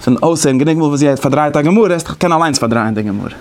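A man's voice: fairly high pitch, animated, racing. A man giving a lecture, explaining conversationally and thinking aloud as he goes. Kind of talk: lecture on interpretation methods.

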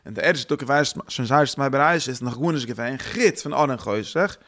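A man giving a religious lesson, thinking aloud in halting phrases that he often repeats and restarts. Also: mid-range voice, expressive, a bit bright. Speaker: religious teacher.

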